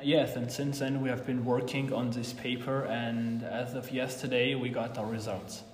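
Man, 20s, earnest, formal, mid pitch, echoey room. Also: level tone, moderate pace, slight background noise. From Armenia. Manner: earnest, formal, explaining at length. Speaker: guest, youth ambassador. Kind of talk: podcast interview. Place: office in Berlin. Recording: roomy, reverberant room.

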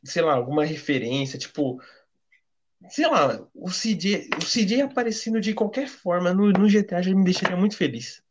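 A man's voice: sits high, lively intonation, normal speed, highs cut off, a little hiss or hum. A young man with a Brazilian Portuguese accent, chatting casually in heavy slang. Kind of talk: casual chat.

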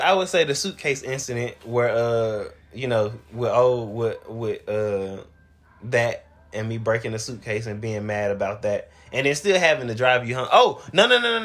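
A young man co-hosting a podcast, telling stories with lots of fillers and acting out what people said. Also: mid-range voice. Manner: animated storytelling, acting out quotes, lots of fillers. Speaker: podcast co-host. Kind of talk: casual chat.

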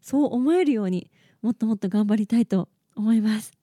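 A woman's voice: a little high, fairly quick, warm tone, soft background music. A woman hosting a casual solo podcast, chatting and explaining things step by step with a slight lilt. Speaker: podcast host.

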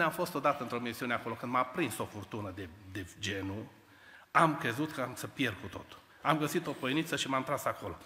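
Animated preacher. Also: male voice, on the high side, long reverb tail. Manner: animated storytelling, speaks straight to the congregation. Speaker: pastor. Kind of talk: sermon. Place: church hall.

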